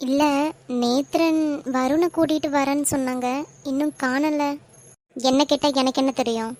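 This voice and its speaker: A woman voicing young women in an animated love drama, speaking with a Kanyakumari Tamil accent in an emotional way. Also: high voice, moderate pace, natural voice. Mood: arguing. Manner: emotional, tearful at times. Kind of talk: animated web series voice acting.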